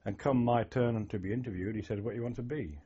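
Husky and darkish with vocal fry, this medium-pitched male voice is animated and a little fast. The speaker is an older former sailor from England, wryly and reflectively telling stories of his childhood and navy service for an oral history interview. The source is dull lo-fi archive tape.

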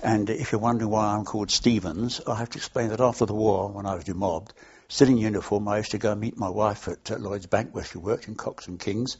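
An older London man reminisces at length in an unscripted oral history interview, rambling through anecdotes with frequent hesitations. His lowish, husky, darkish voice is fairly quick and fairly even in intonation, on lo-fi audio.

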